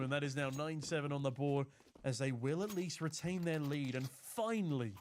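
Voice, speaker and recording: The voice is on the high side, with some background noise behind it. It belongs to a British man commentating an esports match alone, chatty and joking as he alternates play calls with reading viewer chat aloud.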